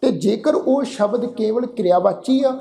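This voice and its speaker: A man with a Punjabi accent patiently teaching Gurbani pronunciation, explaining slowly and politely, then chanting verse lines drawn out. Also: high-pitched, creaky, mellow. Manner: addresses listeners politely as "ji". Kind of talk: scripture recitation lesson.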